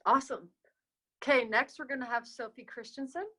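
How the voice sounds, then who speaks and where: A woman's voice: sits high, steady tone, sharp tone, poor audio. A young woman moderating a casual student webinar over a video call, upbeat and chatty. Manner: upbeat, chatty, quick transitions.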